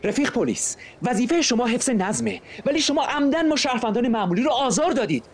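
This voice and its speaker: A man's voice: extremely high pitch, lively intonation. A man voicing a frail, pale young husband who protests earnestly and formally. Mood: indignant.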